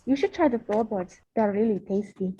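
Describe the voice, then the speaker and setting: A woman's voice: medium pitch, moderate pace, mellow, husky, dull audio, close to an everyday voice. A woman playing a naive, greedy, dim little boy in a comic school stage play. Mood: naively cheerful. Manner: naive, pleading.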